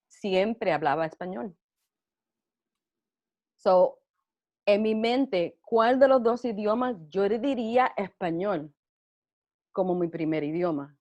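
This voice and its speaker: A woman's voice: lowish voice, darkish tone. A middle-aged Puerto Rican woman with a Puerto Rican accent, chatting casually about her life and laughing often. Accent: Puerto Rican Spanish. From Puerto Rico. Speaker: interviewee. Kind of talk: casual personal storytelling. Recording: dull lo-fi audio.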